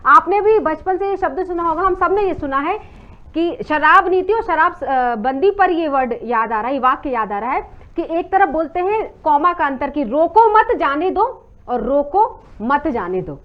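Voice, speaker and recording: A woman's voice: high-pitched, lively intonation, moderate pace, dull audio. A woman moderating a televised debate, putting questions to her guests. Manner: frequent brief acknowledgments, poses questions to guests. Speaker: debate anchor.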